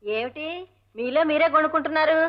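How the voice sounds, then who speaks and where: An actress playing a naive young wife who talks in an innocent, coaxing way and keeps mishearing. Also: female voice, sits high, a little fast, lightly acted. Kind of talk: 1980s film comedy dialogue. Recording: dull lo-fi old film soundtrack.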